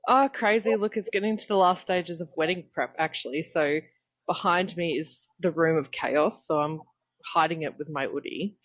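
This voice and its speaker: A woman's voice: sits low, moderate pace, dull audio. A young Australian woman chatting casually as a podcast guest over a video call, laughing often and filling with "um" and "like". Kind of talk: casual chat. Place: home room.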